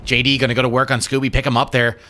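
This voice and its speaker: A man co-commentating an esports match, calling tactical plays in a measured, clipped way. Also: medium pitch, little pitch movement. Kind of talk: tactical live game commentary. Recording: very noisy, loud gunfire behind. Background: loud video game gunfire.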